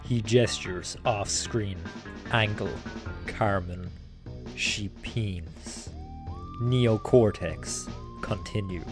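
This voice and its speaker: A man narrating screenplay stage directions in a deliberate, theatrical dramatic reading. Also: fairly low pitch, music in the background.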